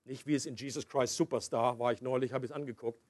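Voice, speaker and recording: A man's voice: medium pitch, steady tone, fast, a little mellow, no room sound, studio quality. A man preaching a sermon earnestly, his intensity rising when he quotes, with an occasional stumble. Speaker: pastor.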